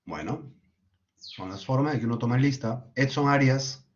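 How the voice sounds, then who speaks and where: A man's voice: mid-range voice, expressive, moderate pace, darkish tone. Man lecturing over a video call. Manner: explains step by step with frequent tag questions. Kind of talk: online class lecture. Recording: dull lo-fi video call audio.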